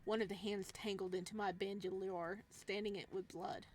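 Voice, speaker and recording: The recording is low quality, with a bit of hiss or hum, capturing a woman whose medium-pitched voice stays level at a normal speed. She's a let's player narrating a visual novel, reading its text aloud and commenting casually in a playful, giggly, reactive manner.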